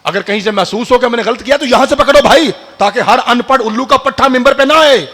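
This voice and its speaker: A man preaching a sermon, fiery and addressing the crowd directly, rising to shouts. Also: very high-pitched. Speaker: preacher at a religious gathering. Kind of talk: sermon with call-and-response. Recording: long hall reverb.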